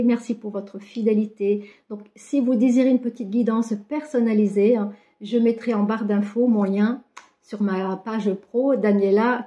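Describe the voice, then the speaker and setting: A woman's voice: mid-range voice, dark tone. A woman card reader giving a weekly spiritual guidance to her viewers, affectionate and encouraging, with frequent little fillers. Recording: dull lo-fi sound.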